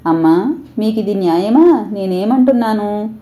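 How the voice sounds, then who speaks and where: A woman's voice: mid-range voice, animated, a little slow, warm tone, pitched above the performer's own voice, lightly acted. A woman voicing a timid, mistreated young wife who pleads tearfully. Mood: desperate.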